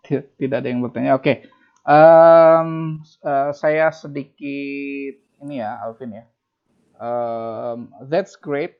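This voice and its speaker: A man's voice: mid-range voice, creaky, darkish tone, slight background noise. A man teaching an online class, giving feedback on a student's presentation and mixing English phrases into his speech with many fillers. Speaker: lecturer. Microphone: video call. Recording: dull lo-fi video call audio.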